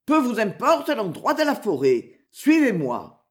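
A woman's voice: on the high side, wildly swooping pitch, unhurried. A woman reading aloud voices a fierce, mocking male outlaw who boasts and threatens.

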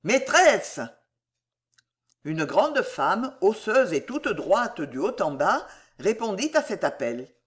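An audiobook narrator reads a classic novel with an animated, widely varying pitch. The delivery is expressive and storyteller-like throughout. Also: slow. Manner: lively expressive reading.

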